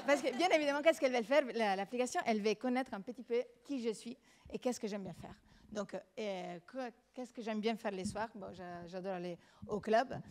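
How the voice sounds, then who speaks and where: A woman's voice: mid-range voice, a little mellow, slight background noise. A young woman from Italy, speaking French with an Italian accent, giving a playful, chatty demo of an app to a live audience and talking straight to them. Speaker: student presenter. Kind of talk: live product demo pitch. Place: event stage before an audience.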